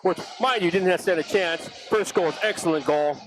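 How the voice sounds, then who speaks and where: Excitable high-voiced hockey announcer man. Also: music in the background. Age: middle-aged. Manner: rapid, excitable calls that jump high on big saves. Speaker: play-by-play announcer. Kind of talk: live hockey play-by-play commentary. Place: ice arena broadcast booth. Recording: noisy arena stream.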